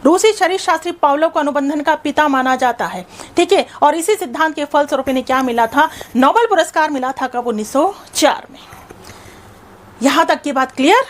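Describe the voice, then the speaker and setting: A woman teaching a psychology lesson, asking her students questions and answering them herself, then repeating a definition more and more slowly with heavy stress on key words. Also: high voice, expressive.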